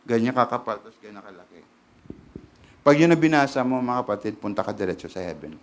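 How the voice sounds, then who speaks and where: A middle-aged man with a Filipino accent, preaching a lively sermon and asking the congregation questions. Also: medium pitch, fast talker, slight background noise. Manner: animated, switches between Tagalog and English, asks the congregation questions. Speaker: pastor.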